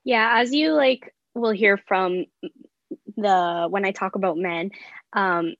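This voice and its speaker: A woman's voice: mid-range voice, slow. A young woman presenting on a youth podcast in an informal, conversational way. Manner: peppers talk with "like". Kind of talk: informal discussion. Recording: slightly dull, roomy sound.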